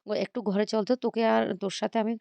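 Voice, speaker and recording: A woman's voice: medium pitch, little pitch movement, fast, vocal fry, mellow, clean tone, no room sound, close to an everyday voice. A woman voicing a prying, nagging middle-aged aunt while retelling a story. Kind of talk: storytelling of a serial episode.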